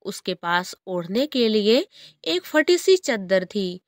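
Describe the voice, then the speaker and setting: A woman's voice: mid-range voice, very animated, slow pace, no echo, clean studio sound. Woman narrating a cartoon storybook.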